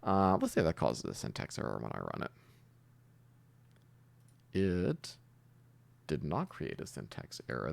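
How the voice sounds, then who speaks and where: This programming instructor hosts a casual, improvised coding tutorial over screen share in a very deep, gravelly voice. He thinks out loud, pausing hesitantly as he goes.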